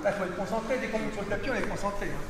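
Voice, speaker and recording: A man teaching an aikido class in a gymnasium, calling out drill commands, often shouting. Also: sits high, rapid-fire. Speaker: aikido instructor. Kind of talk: teaching a group class on the mat. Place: large gymnasium. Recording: echoey gym from far off, with noise.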